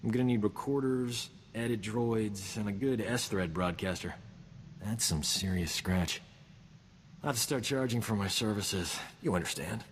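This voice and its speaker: A man's voice: on the low side, unhurried, in a large hall, slight background noise, close to an everyday voice. An actor playing a boastful, roguish male doctor in a video game, talking in a cocky, flippant, self-important way. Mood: wry. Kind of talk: video game character dialogue.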